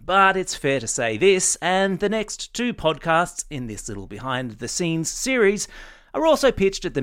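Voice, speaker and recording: A man's voice: on the high side, a bit bright. A man hosting a podcast, upbeat and playful as he interviews his guest. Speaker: podcast host.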